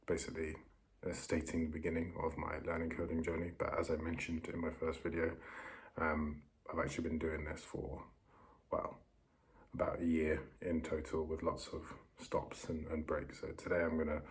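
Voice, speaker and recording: A man speaks in a very deep register with little melody, keeping his voice hushed. He talks casually and a little self-consciously, like someone recording a vlog quietly so the people nearby won't hear. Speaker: vlogger documenting learning to code. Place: upstairs bedroom in a holiday home.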